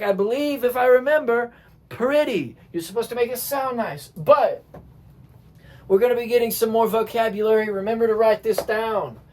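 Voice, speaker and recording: A music teacher giving a casual lesson, explaining at an easy pace and often checking in with "right?" while restarting phrases. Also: mid-range voice. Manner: relaxed, keeps checking with "right?".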